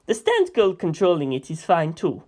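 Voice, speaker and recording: A woman reads a story aloud, taking on the role of a male mafia member who stays composed and dryly evasive, with a measured, matter-of-fact delivery. She uses a lowish, slightly mellow voice that swings hugely in pitch.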